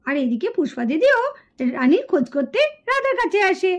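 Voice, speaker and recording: A woman's voice: very high voice, big pitch swings, a little fast. A woman narrating a puppet cartoon in a plain storytelling manner.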